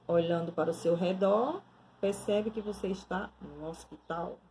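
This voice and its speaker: Slow, mellow woman storyteller. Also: medium pitch, vocal fry, breathy edge, rough recording. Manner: slow, dramatic second-person storytelling. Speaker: nun giving a devotional. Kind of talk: devotional storytelling.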